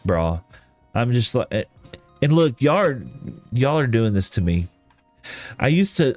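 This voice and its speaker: Soft lofi music accompanies a mid-range-voiced man from East Texas as he livestreams a game. In his Texan accent, he chats casually and rambles, folksy and self-deprecating. There's no echo on the voice.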